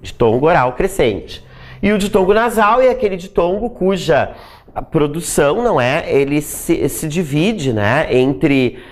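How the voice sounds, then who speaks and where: A grammar teacher giving a recorded exam-prep lesson, checking in with "tá?" and "né?" after almost every point and drawing out example words slowly to demonstrate their sounds. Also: medium pitch, animated. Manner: ends nearly every point with "tá?" or "né?"; repeats key points for emphasis.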